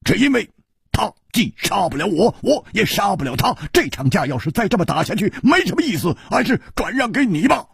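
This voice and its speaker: A man's voice: high-pitched, big pitch swings, fairly quick, creaky, slightly rough, dry recording, studio quality, voice pushed up, full character voice. A man doing a curt, cold-blooded young swordsman.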